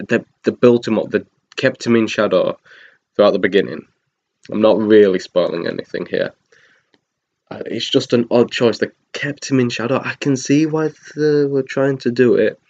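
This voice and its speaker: A very deep-voiced, slightly mellow man gives a casual spoken film review, rambling loosely with ums, restarts and little chuckles. The recording sounds dull and lo-fi.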